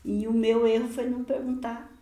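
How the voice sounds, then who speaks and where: A woman pastor telling a personal testimony in a podcast conversation, lively and often laughing, acting out the dialogue of her story. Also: a little high, normal speed, echoey room.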